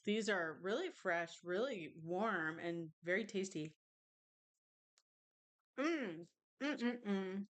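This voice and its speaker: A woman at an ordinary pitch talks casually as a tarot reader. She rambles and chats, with little asides while she eats. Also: fairly bright tone. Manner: chatty, rambling, tastes food on camera. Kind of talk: casual chat and tarot reading.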